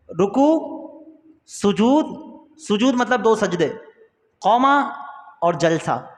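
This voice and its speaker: A man with a Pakistani Urdu accent teaching a religious lesson, who asks and answers his own questions and acts out short exchanges with a questioner. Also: high-pitched. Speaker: Islamic teacher. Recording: echoey hall with long reverb.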